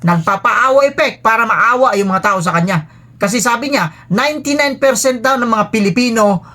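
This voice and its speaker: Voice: mid-range voice, normal speed, sharp tone. A vlogger from the Philippines giving a mocking reaction commentary, sarcastic and taunting, laughing often.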